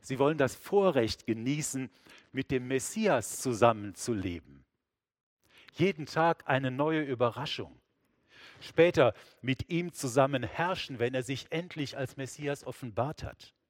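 A man narrating a meditative sermon in a slow, reflective, measured way. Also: mid-range voice, lively intonation.

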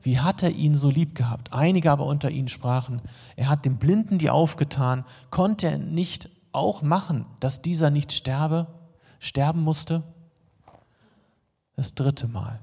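A man's voice: fairly high pitch, unhurried, creaky, dark tone, slightly rough, in a large hall. A man preaching a sermon, reading scripture aloud and breaking off to explain it in casual, plain words to his congregation. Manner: reads the text, then adds casual plain-spoken asides to the congregation.

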